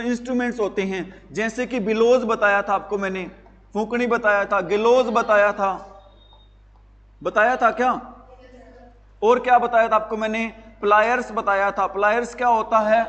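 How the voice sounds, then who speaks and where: A male teacher with a very high-pitched voice runs a grammar lesson, firing the same questions again and again at his class. His voice rings with a long reverb, as if it was caught in a large hall. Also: steady tone, normal speed, fairly bright tone, muffled recording. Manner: quizzing students with repeated questions.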